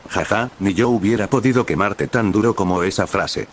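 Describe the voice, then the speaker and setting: Man doing a smug laid-back young male villain, calm teasing delivery, low register. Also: normal speed, slight background noise, natural voice. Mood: amused.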